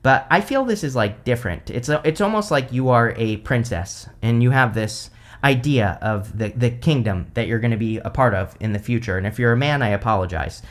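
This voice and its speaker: A man's voice: mid-range voice, expressive, brisk. A man giving an unscripted tarot reading in a casual, conversational way, rambling a little as he explains cards and speaks straight to the listener. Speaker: tarot reader, host.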